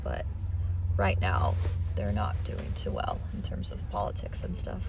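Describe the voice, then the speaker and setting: A woman's voice: very deep voice, measured pace, distant mic, over music. A woman from China chatting casually with viewers while streaming outdoors on a city street. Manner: chatty, relaxed, laughs often. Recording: outdoor stream with loud traffic noise. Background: loud traffic.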